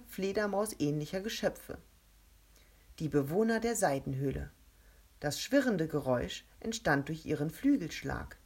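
A woman narrating an adventure story aloud in a steady, measured way. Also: sits low, slightly rough.

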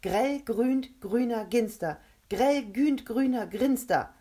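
A woman's voice: a little high, lively intonation, warm tone, pitched above the performer's own voice. A clever little girl in a storybook who weighs each word carefully, voiced by a woman. The voice sits somewhat above the reader's own. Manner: careful, deliberate.

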